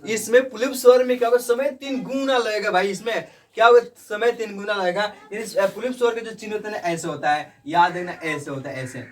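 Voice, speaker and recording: High-voiced male teacher, a bit off-mic. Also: brisk, hardly any pauses. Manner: asks questions and answers them, repeats points, calls pupils "bhai". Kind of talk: classroom grammar lesson. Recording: voice somewhat far from the mic.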